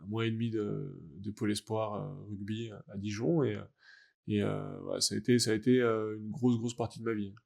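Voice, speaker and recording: A young adult French man, a guest athlete in a casual interview, talking in a halting, reflective way as he searches for words. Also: on the low side, little pitch movement, gravelly, darkish tone. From France. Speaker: guest, wheelchair rugby athlete.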